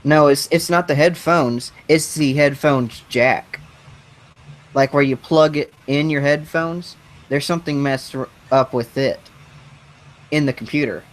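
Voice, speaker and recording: A teenage man chatting casually over a voice call, his voice robotic and distorted, with deadpan quips. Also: a little high, a little slow. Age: late teens. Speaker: guest writer. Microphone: headset over voice call.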